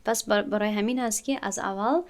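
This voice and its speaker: A woman's voice: mid-range voice, clear, resonant tone. A woman teaching a recitation lesson, explaining patiently and drawing out syllables to demonstrate how they sound. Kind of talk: tajweed lesson to students.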